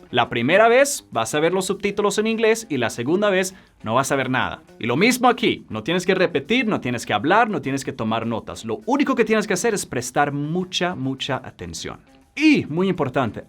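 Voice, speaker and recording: A man teaching English to beginners, his voice a touch high with a very animated, swooping pitch. He talks encouragingly and slows down to model each word. A faint guitar plays behind him. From Sweden. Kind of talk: language lesson.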